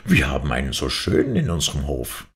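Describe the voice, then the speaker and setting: A man's voice: rumbling low, huge pitch swings, fairly quick, vocal fry, voice pushed down, full character voice. A man playing a wondering old woman friend. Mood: marvelling. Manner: wondering questions.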